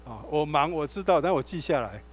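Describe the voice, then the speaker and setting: A man's voice: a little high, brisk. A male pastor with a Taiwanese Mandarin accent, preaching a sermon in a church and telling stories with acted-out dialogue. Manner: animated storytelling, acts out dialogue. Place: church sanctuary.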